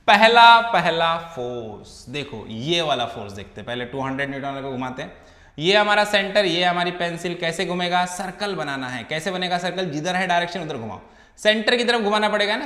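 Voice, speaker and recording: A man with a fairly high voice explains an engineering problem step by step, keeps checking in with his students and answers his own questions. He is recorded in a roomy space where a long reverb trails after his words. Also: fairly bright tone. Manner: asks questions and answers them himself. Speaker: engineering mechanics teacher. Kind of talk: explaining a solved problem on a board. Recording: echoey room with a long reverb tail.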